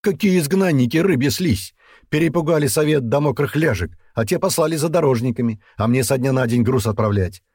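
Man voicing a gruff cursing night boss. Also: lowish voice, very animated, normal speed, few pauses, dry recording, clean studio sound, pitched above the performer's own voice. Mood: furious. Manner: rough, cursing, shouting.

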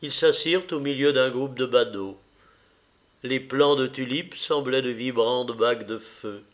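A man reading a classic novel aloud as an audiobook narrator, measured and deliberate. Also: medium pitch. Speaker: audiobook reader. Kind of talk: slow literary narration.

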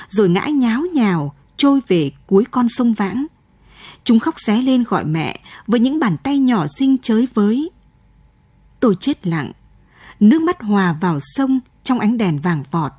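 Husky woman narrating a late-night radio story. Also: medium pitch, dark tone, dry recording. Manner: slow, sorrowful reading.

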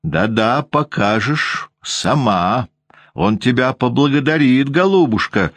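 A man's voice: fairly low pitch, animated, a little slow, fairly bright tone, no echo, voice pushed up. A man voicing a spiteful, scolding middle-aged housekeeper who hisses sarcastically at a child in a storybook reading. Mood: sarcastic. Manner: hissing, sarcastic.

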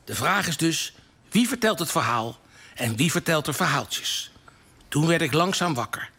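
Lively Dutch man reading a story. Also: fairly high pitch, moderate pace, slightly rough. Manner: animated, theatrical reading with lively voiced dialogue. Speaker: columnist reading a Christmas story. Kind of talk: scripted storytelling read aloud. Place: live radio broadcast from a hall.

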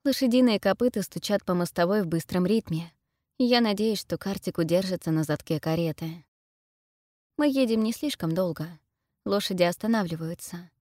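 A young adult woman narrating a first-person story as an audiobook reader, in a steady, measured way. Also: on the low side, no echo, clean studio sound.

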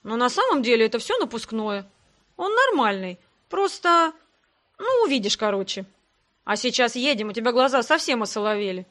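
A woman's voice: fairly high pitch, very animated, moderate pace, fairly bright tone. Cheerful young lord, read by a woman. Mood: breezy. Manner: breezy and reassuring. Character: brisk cheerful young man, easygoing lord. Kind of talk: audiobook character voice.

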